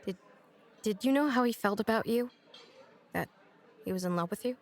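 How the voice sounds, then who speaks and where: A woman's voice: a little high, moderate pace, some chatter behind, natural voice. Actress as a blunt young woman with a dry, teasing, direct delivery, for an audio drama. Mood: earnest. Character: blunt, sarcastic young woman, grieving sister. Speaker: [name].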